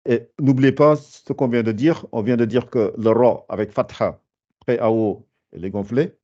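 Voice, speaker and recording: A man's voice: mid-range voice, moderate pace, warm tone, lo-fi sound. A man teaching Quran recitation in an online lesson, explaining patiently step by step with many hesitations.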